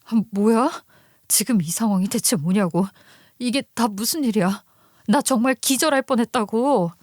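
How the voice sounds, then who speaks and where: A woman's voice: on the high side, moderate pace, dry recording, studio quality, natural voice. A woman voicing a suspicious, furious wife who demands answers from her husband. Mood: shocked. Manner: sharp, demanding, agitated.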